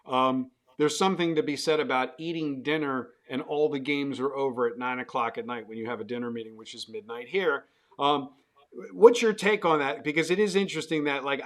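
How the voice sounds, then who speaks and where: A man's voice: mid-range voice, fairly bright tone. A middle-aged man hosting a casual betting chat, rambling and restarting his questions as he talks. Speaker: host. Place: Las Vegas.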